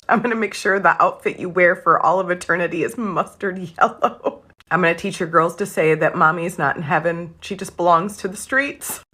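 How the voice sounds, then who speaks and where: A young woman with a husky voice delivers a joking message to a sick friend, deadpan and darkly funny. Her pitch sits in the middle range.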